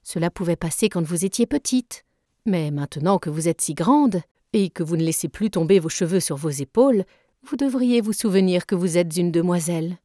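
A sensible eldest sister who lectures her siblings in an earnest, measured way, as a woman reads her in a storybook. The tone is mellow and dark, recorded close and dry. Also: on the low side, animated, no echo, close to an everyday voice. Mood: scolding. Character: eldest sister, teenage girl, scolding and sensible.

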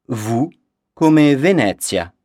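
A man's voice: medium pitch, lively intonation, extremely slow, darkish tone, dry recording, studio quality. A man reading a scripted language lesson, spelling out each letter with an example word. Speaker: language course reader.

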